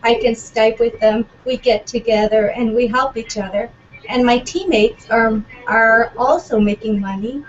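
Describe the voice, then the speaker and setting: A nervous stay-at-home mom from Canada, a guest on a video call, talking fast. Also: female voice, a little high. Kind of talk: casual video call chat. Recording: distant muffled web call with faint noise.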